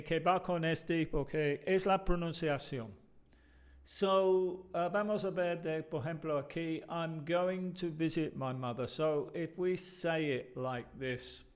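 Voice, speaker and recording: A man's voice: a little high, clear, resonant tone. A man who is a native English speaker, teaching an English lesson in Spanish, explaining step by step and repeating example sentences with small slips.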